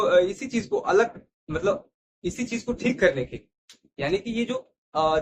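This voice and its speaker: A man explains English grammar to students in a slightly high voice, repeating every word list and keeping tabs on their understanding by asking "theek hai." When he heads to the board, his voice fades away from the mic. There's slight background noise.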